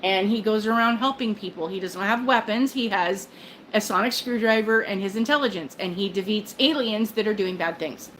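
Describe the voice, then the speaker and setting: An older woman hosts a casual livestream chat, rambling on with plenty of fillers, restarts and small laughs as she interrupts herself. Her voice sits at a medium pitch and moves at a moderate pace. It was captured on a phone, so the recording is rough, with a little hiss or hum.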